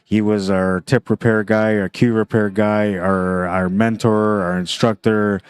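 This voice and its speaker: Male livestream pool commentator: low, even delivery, talks through shots casually. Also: measured pace, clear, resonant tone. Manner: chatty, thinks aloud about shots.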